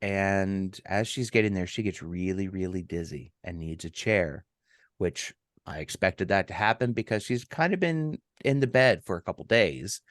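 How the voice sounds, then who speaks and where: Low-voiced man telling a personal story. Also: no echo, studio quality. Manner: halting, with many ums and restarts. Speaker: podcast co-host.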